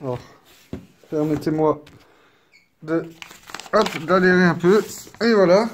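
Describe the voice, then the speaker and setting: An unboxing video creator, a man with a fairly high voice, casually presents a collector's edition while filming one-handed on a camera mic, with slight background noise. He is unhurried, chatty, apologetic, and self-deprecating, filling pauses with interjections like "hop" and "donc".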